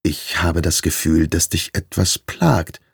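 Man reading a soft gentle storybook cat lady, low and husky, slow soothing talk. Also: no echo, clean studio sound, exaggerated voice. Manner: soothing, unhurried. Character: calm, kindly female cat.

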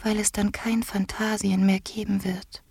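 A woman voicing a gentle, childlike girl empress in a whispered role-play, airy and tender. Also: medium pitch, level tone, unhurried, gravelly, breathy edge, dry recording, voice pushed up.

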